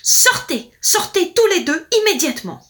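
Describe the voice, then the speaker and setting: A woman voicing a harsh, domineering male lord in a storybook reading, with stern shouting. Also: very high-pitched, big pitch swings, moderate pace, voice pushed up, heavily acted. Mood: furious shouting.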